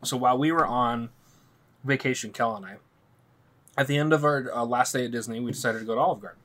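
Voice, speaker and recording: A man's voice: mid-range voice, fast, fairly bright tone. A man co-hosting a casual chat, telling a long story with many restarts. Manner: rambling storyteller, restarts often. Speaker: podcast co-host.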